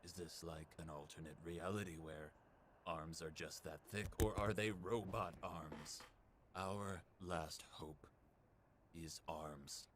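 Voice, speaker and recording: A man playing a rambling, goofy young musician in a game trailer, deadpan and earnest. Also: low voice, slow pace, a little hiss or hum.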